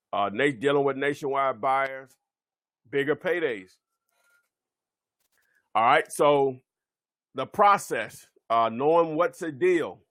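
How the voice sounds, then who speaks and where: A man's voice: medium pitch, fairly bright tone, no room sound. Man, webinar presenter, medium voice, dry close mic, rambling off-the-cuff delivery. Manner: rambling, many fillers and self-corrections. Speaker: real estate webinar presenter. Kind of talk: unscripted instructional webinar talk.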